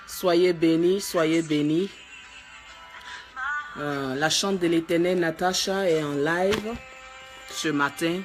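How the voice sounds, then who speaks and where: Woman preacher live-streaming a fervent, repetitive sermon that swells toward shouting, with heavy music behind. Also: on the low side, takes it slowly, long pauses. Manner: speaks in tongues. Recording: loud music underneath.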